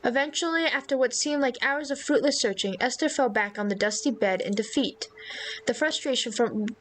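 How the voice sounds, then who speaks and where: A woman's voice: fairly high pitch, moderate pace, a bit bright, slight background noise, low-quality recording. A young adult woman streaming, reading visual novel narration aloud and breaking off into chatty asides to her viewers. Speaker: vtuber streamer.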